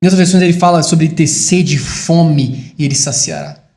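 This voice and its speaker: Pregador brasileiro de voz aguda, em sala com eco. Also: male voice, moderate pace, reverberant. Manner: rises to emphatic high declarations, drops to quiet reflective asides. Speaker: preacher. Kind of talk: sermon.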